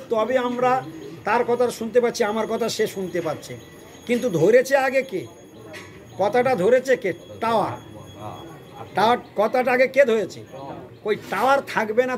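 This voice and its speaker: A man preaching a devotional sermon, chanting verses and quizzing his listeners with questions. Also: extremely high pitch.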